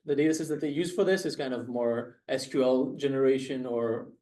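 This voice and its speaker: A man's voice: mid-range voice, brisk, warm tone. A man co-hosting a casual technical discussion of AI news, hesitant with many fillers and restarts.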